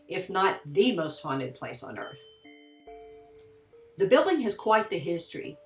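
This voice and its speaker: A woman's voice: fairly low pitch, far from the mic. A woman from Kentucky with a Kentucky accent, guiding a tour and explaining in a conversational way inside a large empty historic building. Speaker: tour guide. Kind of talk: on-site tour narration. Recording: roomy echoing hall.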